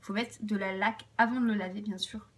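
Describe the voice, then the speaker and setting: A woman's voice: medium pitch, fairly even intonation, fairly quick, far from the mic. A woman chatting casually about household tips, rambling with many fillers and self-corrections. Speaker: vlogger sharing household tips. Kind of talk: casual chat to camera.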